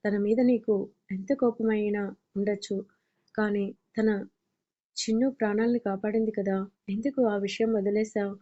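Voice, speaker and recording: A caring young mother coaxes and gently scolds, voiced by a woman. The warm voice barely rises or falls. The recording is a little dull. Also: mid-range voice, flat delivery, normal speed, pauses often, close to an everyday voice. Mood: persuasive. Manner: gentle, persuasive.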